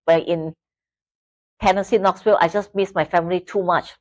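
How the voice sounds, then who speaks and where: A Malaysian woman in her fifties, whose first language is Chinese, tells her life story as an interview guest in simple, broken English, laughing often. She speaks fairly quickly in a fairly low, fairly even voice, and the recording is dry and poor.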